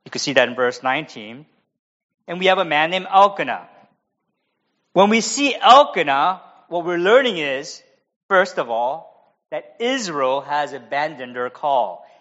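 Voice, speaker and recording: A man's voice: fairly high pitch, expressive, unhurried, a bit bright, dull audio. A man from America with an American accent, preaching an expository sermon with conversational asides. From United States. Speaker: pastor.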